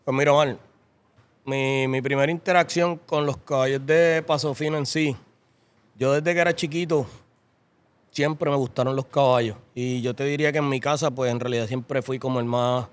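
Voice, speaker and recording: A middle-aged man from Puerto Rico with a Puerto Rican Spanish accent, a guest in a casual interview, relaxed and often repeating his phrases. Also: medium pitch, moderate pace, smooth. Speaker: interview guest, horse breeder.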